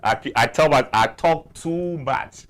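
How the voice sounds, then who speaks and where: A man's voice: on the high side, a little slow, a bit bright. A young Ghanaian man with a Ghanaian accent, talking at length as a guest in a casual interview and repeating his phrases for emphasis.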